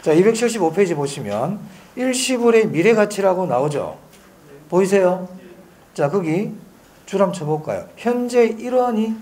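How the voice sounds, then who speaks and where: A male lecturer with a high, bouncing voice that rises and falls widely as he teaches. He fires short questions at his students and answers them himself, drawing out important terms slowly so they sink in. The delivery is a brisk exam-prep class. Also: dark tone. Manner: drills students with quick repeated questions; stretches key phrases slowly for emphasis.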